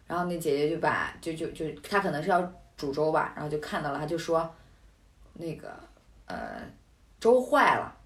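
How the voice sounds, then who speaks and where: A woman chatting casually, telling a story with animated, indignant outbursts. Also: deep voice, moderate pace. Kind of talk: casual chat.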